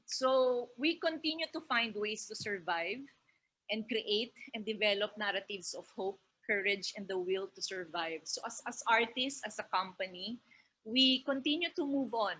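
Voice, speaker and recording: Brief: woman, bright and clear tone, halting panel remarks on a video call. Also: mid-range voice, rough recording. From Philippines. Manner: hesitant, many fillers and "no?" tags. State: emotional, voice rising near the close. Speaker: theater company speaker. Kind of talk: panel presentation.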